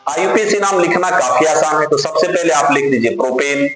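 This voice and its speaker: A man with a fairly high, slightly bright voice speaks at a fairly quick pace while teaching students a chemistry lesson. He spells names letter by letter, poses questions and answers them himself, and calls the students "dear children." The classroom lecture was recorded in a very echoey room with music in the background.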